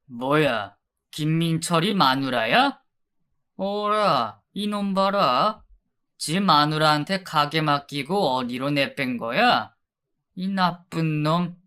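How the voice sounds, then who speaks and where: Thug debt collector, male, menacing and loud, put on by a woman narrator, bright crisp tone. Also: low voice, lively intonation, takes it slowly, exaggerated voice. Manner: threatening, yelling.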